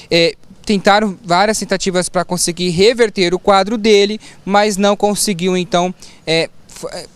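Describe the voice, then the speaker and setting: A Brazilian man reports live in a high, smooth, resonant voice. The sound is dry and close. He delivers the facts briskly, stumbling now and then. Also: no room sound. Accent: Brazilian Portuguese. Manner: brisk, matter-of-fact reporting with occasional stumbles. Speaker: field reporter.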